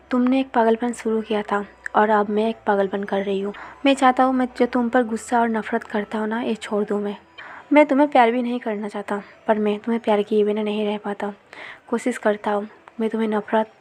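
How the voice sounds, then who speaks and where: A woman's voice: a little high, fairly even intonation, brisk, darkish tone, natural voice. A woman voicing a hurt, angry young man in love who speaks bitterly and accuses. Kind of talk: storytelling with character dialogue.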